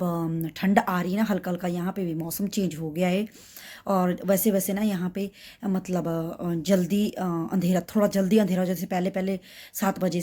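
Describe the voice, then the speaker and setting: A woman's voice: lowish voice, darkish tone. A woman chatting casually in a home cooking vlog, rambling with many fillers and restarts, recorded on a phone in her kitchen. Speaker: vlogger.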